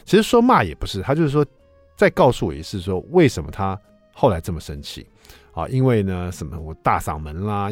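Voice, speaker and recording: A fast-talking, low-voiced man around fifty hosts a radio show and tells a family story in a loose, chatty monologue. His pitch jumps all over as he plays out the voices in it. The sound is close and dry, with faint music behind. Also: no echo. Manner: animated, acts out quoted voices, swings between loud and soft. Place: radio studio. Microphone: studio microphone.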